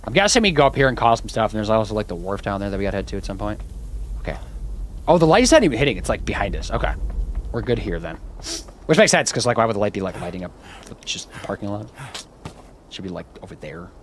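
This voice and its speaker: A young man chatting casually through a game stream, rambling to his viewers and breaking into panicked yelling when startled. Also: lowish voice, very animated, fast talker, slight background noise. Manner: rambling, chatty, talks to chat while playing; bursts into loud panicked yelling when scared. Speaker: gaming streamer. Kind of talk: casual let's-play commentary. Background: game music playing clearly.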